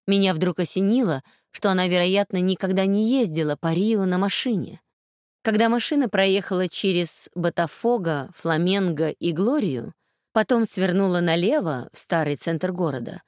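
A woman reading a first-person novel aloud as an audiobook narrator, calm and measured. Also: on the low side, dry recording, studio quality.

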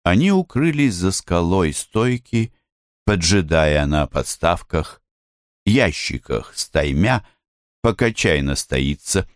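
Low-voiced guy reading a novel slow, really lively tone, crisp studio sound. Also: no room sound. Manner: measured, expressive reading. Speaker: audiobook reader. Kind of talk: literary audiobook narration.

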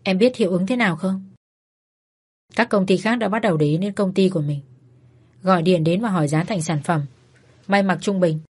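A woman voicing a calm, patient husband who gently comforts his crying wife. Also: fairly quick, pauses often, breathy edge. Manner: gentle, patient, low-key.

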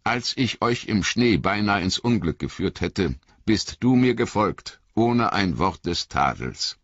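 An earnest ranger, read by a man who speaks slowly and solemnly in a husky, low voice. The sound is dry and somewhat dull. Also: lively intonation, a bit bright, dry recording. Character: grave, earnest male ranger.

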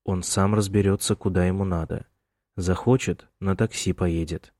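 A man's voice: deep voice, fairly even intonation, a little mellow, dry recording, clean studio sound. A male narrator voicing a tired, irritated young man who answers his mother curtly in an audiobook. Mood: weary. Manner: weary, curt and slow.

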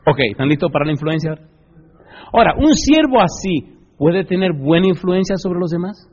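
A man's voice: high-pitched, expressive, moderate pace, a little mellow. A Dominican man with a Dominican Spanish accent, preaching as a pastor and questioning his congregation. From Dominican Republic. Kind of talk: sermon. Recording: echoey hall, dull lo-fi sound.

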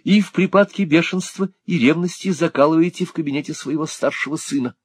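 In clean studio sound with no room echo, a man voices an earnest, naive young playwright, pitching above his own natural voice. The delivery is on the high side, a little fast and breathy, explaining things politely with a touch of irony.

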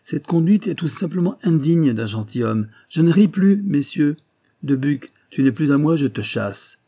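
A man's voice: medium pitch, moderate pace, dark tone, close to an everyday voice. A man reading aloud, voicing a jovial, commanding noble prince who speaks in a lordly, exclamatory way. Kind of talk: audiobook reading.

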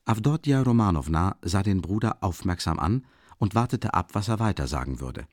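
Male audiobook narrator, low voice, measured, dry close recording. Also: expressive, a little mellow, no echo. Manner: measured, dramatic. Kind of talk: scripted literary narration.

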